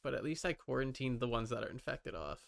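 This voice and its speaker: A man streams himself playing a game, chatting casually, rambling and halting as he mutters to himself and responds to viewers. His voice is mid-range, expressive and creaky.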